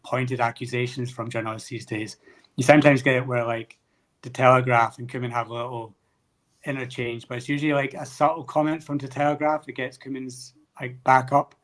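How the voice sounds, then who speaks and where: A man's voice: mid-range voice, little pitch movement, moderate pace, a bit bright. A man co-hosting a casual football podcast, talking loosely with lots of filler words. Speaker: podcast co-host.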